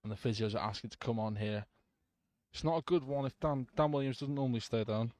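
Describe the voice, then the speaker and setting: A man giving live radio commentary on a football match from the stands, calm play-by-play with brief asides to listeners. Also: medium pitch, fast, dry recording.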